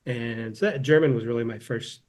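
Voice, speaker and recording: The speaker is a man in his fifties, a Southern California philosophy professor interviewed casually as a guest. He talks fairly quickly in a medium-pitched, slightly mellow voice, thoughtful but often repeating words as he restarts.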